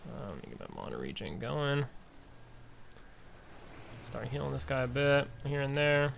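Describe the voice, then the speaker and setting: A man's voice: medium pitch, very animated, moderate pace, vocal fry, slight background noise. A man giving casual, rambling commentary over his own gameplay, with many fillers and restarts. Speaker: gaming channel host.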